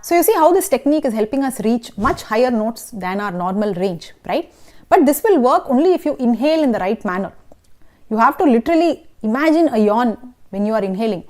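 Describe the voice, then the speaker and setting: A woman's voice: fairly high pitch, animated, fairly quick, mellow. A woman teaching a vocal lesson who explains patiently and often checks in with "okay?" and "right?". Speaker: singing teacher. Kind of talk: vocal lesson with sung demonstrations.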